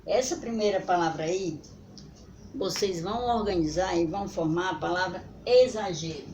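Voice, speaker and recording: A woman's voice: lowish voice, darkish tone. A woman teaching young children, drawing out words syllable by syllable and checking in with short questions. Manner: drawn-out syllable-by-syllable pronunciation, frequent "certo?" and "né?" check-ins. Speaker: primary school teacher. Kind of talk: slow, deliberate spelling lesson for children. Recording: echoey room with background noise.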